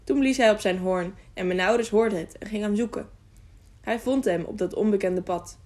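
A woman's voice: mid-range voice, brisk, lightly acted. A woman voicing an eager, curious young mountain boy who asks question after question in a storybook reading. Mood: chatty. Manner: lively, eager, sometimes whispering excitedly.

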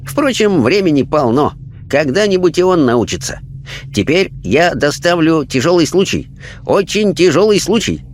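A man voicing a calm, mysterious male spirit guide who speaks in a serene, sage-like way. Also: on the high side, normal speed, a little hiss or hum, voice pushed up.

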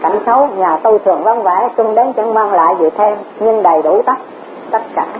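A woman's voice: medium pitch, normal speed. A woman giving a Buddhist Dharma talk, repeating words and asking rhetorical questions. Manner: repetitive, rhetorical questions, chuckles often. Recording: tinny lo-fi recording with faint hiss.

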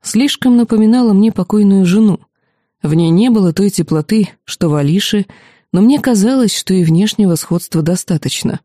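Woman reading a smooth noble duke, wry n a bit condescending, mellow dark voice. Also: medium pitch, moderate pace, dry recording, clean studio sound, lightly acted. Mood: candid. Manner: calm, wry, gently condescending. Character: suave, candid noble duke, adult man. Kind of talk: audiobook character reading.

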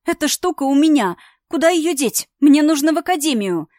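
A woman's voice: sits high, animated, brisk, no echo, studio quality, pitched above the performer's own voice. A woman voicing a distraught young woman who pleads through sobs. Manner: sobbing, pleading.

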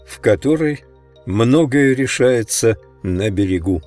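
A man reading an audiobook as narrator in a measured, steady way. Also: mid-range voice, faint music behind. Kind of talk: scripted narration.

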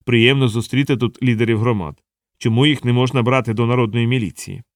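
A man voicing an earnest young male watch officer who talks in a calm, courteous way. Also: mid-range voice, brisk, no echo, studio quality, lightly acted.

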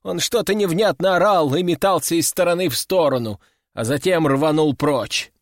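A man's voice: fairly high pitch, moderate pace, dry recording, clean studio sound. A man narrating an audiobook in a wry, matter-of-fact way.

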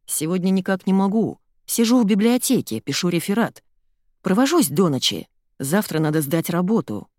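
A woman's voice: on the low side, big pitch swings, normal speed, darkish tone, dry recording, studio quality. A woman reading the part of a weak-willed young man mumbling excuses to his girlfriend. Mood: evasive. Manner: mumbling, sheepish, excuse-making.

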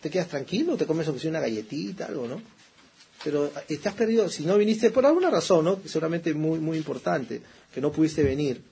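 A man's voice: fairly high pitch, sing-song, gravelly, warm tone, a little hiss or hum. A man preaching a conversational sermon as a pastor, often tossing in rhetorical questions. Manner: chatty, repeats phrases, frequent rhetorical "¿no?" asides; fervent prayer voice, slow and emphatic.

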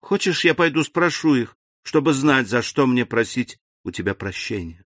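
A man's voice: medium pitch, lively intonation, normal speed, fairly bright tone, dry recording, clean studio sound, natural voice. A man reading an audiobook, voicing an anxious young woman who pleads with her grandfather. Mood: pleading.

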